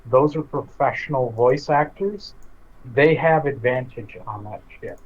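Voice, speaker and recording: A man's voice: mid-range voice, unhurried, crowd noise. Man on a tinny, metallic-sounding mic. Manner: laid-back, joking, swears casually. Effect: tinny metallic-sounding microphone. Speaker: tabletop game player. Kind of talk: casual banter before a game stream. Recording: tinny lo-fi mic with music behind.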